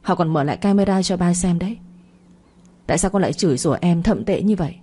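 A woman's voice: on the low side, fast talker, mellow, husky. A woman voicing a stern, angry middle-aged father who scolds and reproaches. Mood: scolding.

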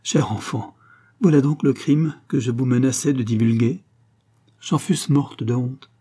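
A man's voice: mid-range voice, unhurried, warm tone, husky. A man reading the lines of a young Parisian wife, earnest and pleading as she confesses.

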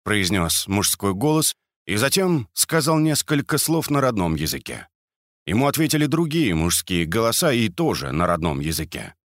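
A man narrating a crime audiobook in a steady, even reading manner. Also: on the low side, moderate pace, no room sound, clean studio sound.

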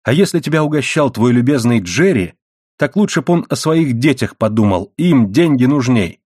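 A man reading the part of a furious, worn-down miner's wife with sharp, indignant retorts. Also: medium pitch, expressive, moderate pace, breathy edge, dry recording, studio quality.

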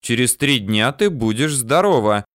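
A man voicing a steady male surveyor who speaks slowly and calmly under threat. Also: medium pitch, dry recording, clean studio sound. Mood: coaxing. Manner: slow, coaxing, calm.

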